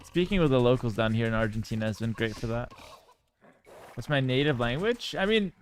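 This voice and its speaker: Streaming a game live, this Canadian man speaks at a medium pitch, animated and brisk, with a bit of background noise. He keeps things relaxed and jokey, curses casually, and reads out messages from his viewers.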